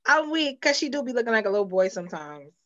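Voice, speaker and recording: A young woman playing an excitable teenage girlfriend who is loud and giggly in a student play. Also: mid-range voice, takes it slowly, dull audio, lightly acted.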